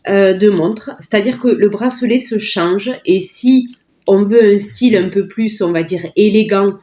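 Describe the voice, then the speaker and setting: A woman's voice: medium pitch, a little slow, mellow. A woman chatting casually and delightedly through a sponsored unboxing, full of little filler words. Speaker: vlogger unboxing a product.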